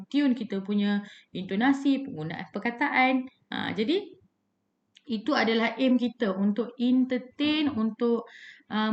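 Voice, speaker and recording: A woman's voice: medium pitch, slight background noise. Chatty Malaysian woman lecturer, dull audio. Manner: chatty, many fillers, mixes English terms. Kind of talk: casual online lecture.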